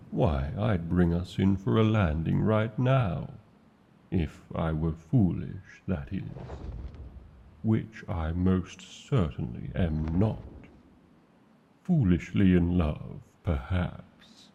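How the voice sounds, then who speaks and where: A British voice actor fully inhabits a tender, protective male dragon in a fantasy ASMR roleplay, speaking slowly and formally and doting with endearments. His low voice is warm with vocal fry. The recording is muffled, with slight background noise.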